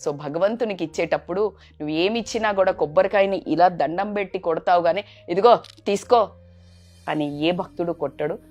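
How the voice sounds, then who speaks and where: A woman vlogger earnestly telling a moral story to a listener, shifting between loud and hushed. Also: fairly low pitch.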